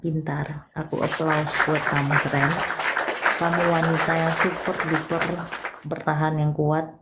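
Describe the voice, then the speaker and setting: Woman, low register, live palm reader; gentle, coaxing, endearments, half-whispered. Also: vocal fry, noisy background. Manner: soft, coaxing, calls the listener darling; mixes English words into her talk. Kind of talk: live one-on-one reading.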